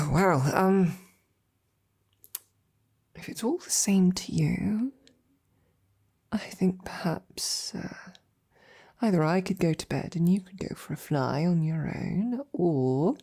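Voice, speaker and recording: A woman's voice sits low as she performs a full character voice: a devoted, gentle female knight in an intimate ASMR roleplay. Her speech is soft, breathy and tender, marked by hesitant pauses.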